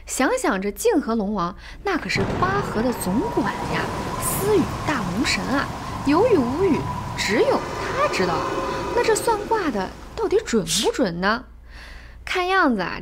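A woman retelling a classic tale casually, chatty and expressive, with asides to the listener. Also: on the high side, moderate pace, a little hiss or hum. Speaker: storyteller. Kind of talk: casual storytelling podcast.

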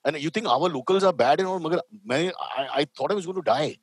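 A man's voice: on the high side, quick pace, no room sound. A man with an Indian accent riffing jokily in casual chat, slipping between English and Hindi.

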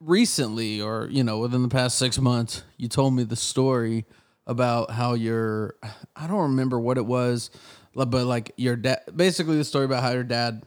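A man's voice: mid-range voice, normal speed. A man co-hosting a casual podcast in an easygoing, mid-range voice. He jokes around and rambles loosely as he talks. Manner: laid-back, rambling, joking. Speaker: podcast co-host. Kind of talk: casual chat.

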